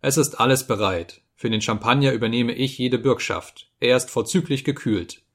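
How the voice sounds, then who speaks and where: Man reading a brisk, cool host calling guests to table. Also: medium pitch, close to an everyday voice. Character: brisk male dinner host, cool and offhand.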